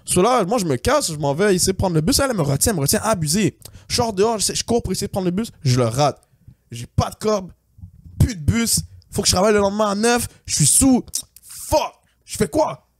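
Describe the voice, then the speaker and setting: Young guy on a podcast, rapid animated storytelling, slightly high voice, tosses in english slang. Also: no room sound, clean studio sound. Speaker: podcast host. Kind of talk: casual storytelling.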